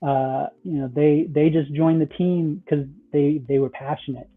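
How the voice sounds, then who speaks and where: A man who founded a metaverse project chats as a guest on a podcast, rambling with fillers and tag questions like "like," "you know" and "right?" His slightly high voice keeps a measured pace and fairly even intonation, heard through tinny, phone-like audio.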